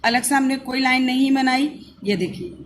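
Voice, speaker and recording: A woman from Pakistan with a Pakistani Urdu accent, teaching young children to write and sound out letters in slow, repeated steps. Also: high-pitched, fairly even intonation, slight background noise. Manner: slow, repetitive step-by-step instruction. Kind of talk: handwriting and phonics lesson for young children.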